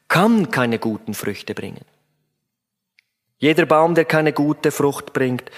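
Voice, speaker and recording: A man preaching a sermon in an emphatic way, addressing his listeners directly. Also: mid-range voice.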